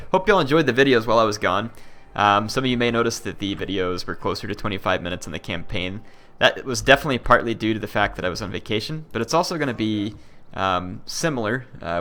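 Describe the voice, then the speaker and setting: Bright-toned chatty gaming host. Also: male voice, fairly low pitch. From Oklahoma, US. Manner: rambling, chatty, says y'all. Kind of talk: casual let's-play commentary.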